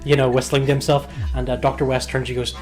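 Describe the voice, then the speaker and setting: A man's voice: mid-range voice, level tone, fast talker, over music. A man narrating a tabletop horror game as game master, chatty and casual.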